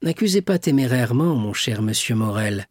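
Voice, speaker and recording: Man reading as a cold, calculating prosecutor, husky storybook voice, dry close sound. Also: mid-range voice, lively intonation, normal speed, no echo, close to an everyday voice. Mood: smooth. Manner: smooth, guarded, calculating. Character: scheming cold young royal prosecutor. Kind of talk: audiobook character reading.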